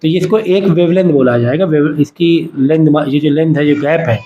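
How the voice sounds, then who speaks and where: A man's voice: on the high side, normal speed, lo-fi sound, slight background noise. A male science teacher giving a classroom lecture, asking the class short questions and having them repeat terms back to him. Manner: quizzes students with repeated call-and-response questions. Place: classroom with students.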